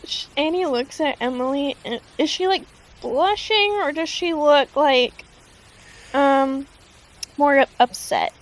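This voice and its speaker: A woman's voice: sits high, slow, rough recording. A woman playing a tabletop game, speaking hesitantly with fillers. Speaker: player. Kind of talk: tabletop role-play.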